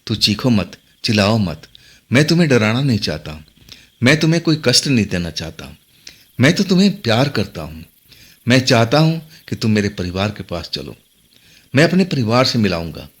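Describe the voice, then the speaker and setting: A man's voice: fairly low pitch, very animated, moderate pace, a bit bright, slightly rough, exaggerated voice. A man voicing a lovesick ghostly young man who speaks in a coaxing way.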